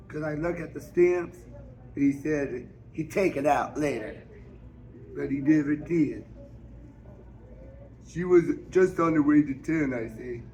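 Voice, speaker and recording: A man reads a novel aloud, voicing first-person narration written in Southern dialect, his voice on the high side and a little mellow. The recording picks up noisy public store ambience.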